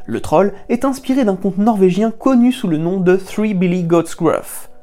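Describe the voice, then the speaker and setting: Video host, playful scripted narration, warm tone. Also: mid-range voice, moderate pace, soft background music.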